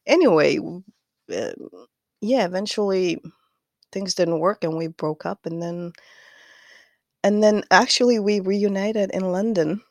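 A woman's voice: medium pitch, a little slow, long pauses, a little mellow, no echo, clean studio sound. A woman from Kazakhstan with a Kazakh accent, chatting as a podcast guest, rambling and laughing often. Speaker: guest knitwear designer. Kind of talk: casual interview chat.

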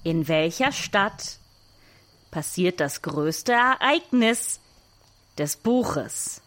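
A woman voicing a formal, impatient female university examiner in an improvised comic role-play, asking questions slowly and deliberately. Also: on the low side, animated, a bit bright, voice pushed down, exaggerated voice. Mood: stern.

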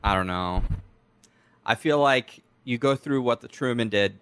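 A man's voice: mid-range voice, unhurried, fairly bright tone, clear, resonant tone, dry recording. A young man hosting a podcast in loose, joking casual chat over a call. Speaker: podcast host.

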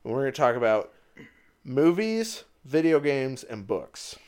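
A man hosting a casual podcast chat, animated and quick to laugh, often restarting his sentences. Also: mid-range voice, clear, resonant tone. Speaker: podcast host.

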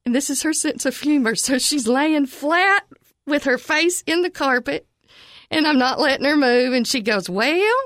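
An older woman from Tennessee with a Southern accent, telling stories as a guest in a casual interview, animated and warm. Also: high-pitched, moderate pace, no echo, clean studio sound. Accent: Southern American. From Tennessee, USA. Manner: lively storyteller, animated and warm. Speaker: guest, pregnancy clinic director.

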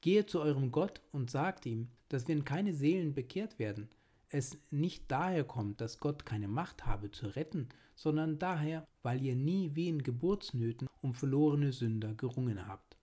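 Guy reading a sermon, mellow dark voice, earnest and pleading. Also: medium pitch, animated, moderate pace.

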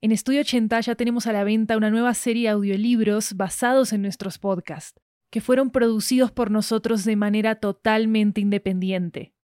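A woman from Argentina with an Argentine accent, hosting a podcast and reading a friendly, brisk announcement. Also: medium pitch, steady tone, darkish tone, clean tone, no echo, studio quality. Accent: Argentine Spanish. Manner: brisk, friendly promo read. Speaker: podcast host. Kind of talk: read sponsor announcement.

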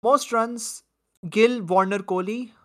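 A man's voice: high-pitched, fairly even intonation, slow pace, fairly bright tone. A man hosting a casual podcast, chatting loosely and laughing often as he reads out the picks. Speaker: podcast host. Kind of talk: casual cricket podcast chat.

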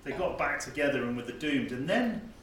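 Middle aged bloke chatting unscripted on a podcast, far from the mic, loads of room echo. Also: male voice, mid-range voice, expressive, brisk, a bit bright. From Northampton, England. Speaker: podcast co-host. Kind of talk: natural unscripted casual chat about music. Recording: very echoey room, distant mic, faint noise.

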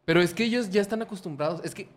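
Emphatic Mexican man, slightly high voice. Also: very fast. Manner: emphatic, swears freely, insistent. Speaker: podcast co-host. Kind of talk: casual chat.

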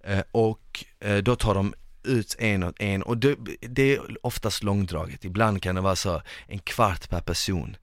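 A man's voice: lowish voice, hardly any pauses, no echo, clean studio sound. A man telling a long story in casual conversation, rambling with lots of fillers. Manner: lively, rambling, with many fillers.

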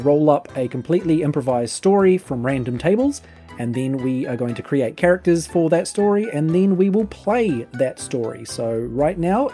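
A man's voice: on the high side, warm tone. A man speaking casually as host and game master of a tabletop role-playing podcast.

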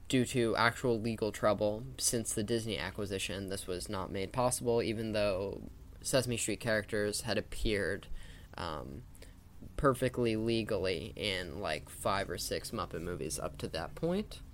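Male host, lowish pitch, opinionated casual commentary, slight background noise. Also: a little slow. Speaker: podcast host. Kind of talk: casual film-trivia commentary.

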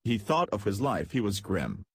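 Husky low-voiced male storyteller. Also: wildly swooping pitch, moderate pace, a bit bright, no room sound, clean studio sound. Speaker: narrator. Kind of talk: scripted dramatic story narration.

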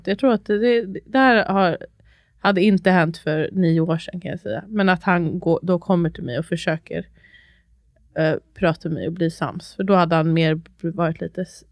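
A woman's voice: lowish voice, gravelly, darkish tone, no room sound, studio quality. A woman in her thirties chatting on a podcast, telling a story with lots of laughter and English phrases mixed in. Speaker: podcast co-host. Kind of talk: casual chat.

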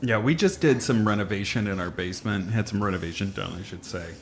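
A co-host in a casual chat while taste-testing food, expressive, quick to react, and crude. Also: low-pitched, slight background noise. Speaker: podcast co-host.

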